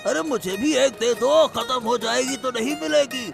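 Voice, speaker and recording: A man's voice: extremely high pitch, normal speed, creaky, music in the background, full character voice. A man voicing a pushy, impatient village customer in a cartoon, insistent and demanding. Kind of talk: animated cartoon dialogue.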